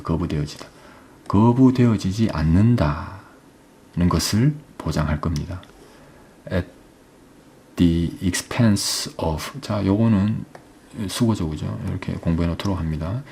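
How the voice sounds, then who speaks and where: Male English teacher, deep voice, dark mellow tone, step-by-step explaining, slow drawn-out English phrases. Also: creaky, slight background noise. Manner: explains step by step, often asks "right?" (그죠?). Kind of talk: exam passage lecture.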